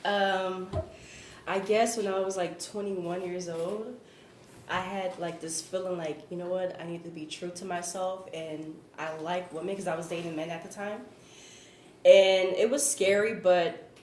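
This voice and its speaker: A woman's voice: lowish voice, steady tone, moderate pace. A woman in her twenties telling her story earnestly with many fillers in a casual group chat. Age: 20s. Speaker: guest. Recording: roomy echo, faint hiss.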